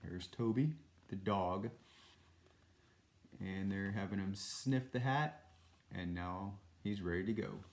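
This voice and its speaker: A man's voice: deep voice, slow pace, pauses often, roomy sound. A man reading a children's storybook aloud, with casual, self-deprecating asides. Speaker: storybook reader.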